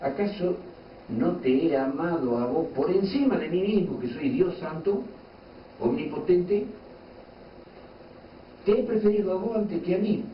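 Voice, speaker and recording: A man voicing God as a grand, ardent figure pleading with a believer, in slow, soaring declamation. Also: sits high, lively intonation, a little hiss or hum, pitched above the performer's own voice. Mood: impassioned. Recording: distant, echoey, dull hall recording.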